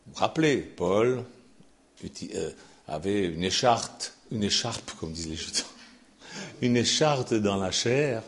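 An older man preaching a sermon, sarcastic and animated, dropping to low asides and rising to shouted peaks. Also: slow.

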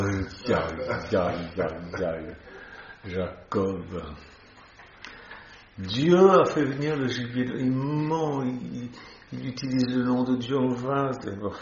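A man's voice: medium pitch, a little hiss or hum. A man preaching a sermon, reading scripture aloud and breaking off for chatty, playful asides. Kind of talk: sermon, Bible reading with commentary. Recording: echoey, slightly dull recording.

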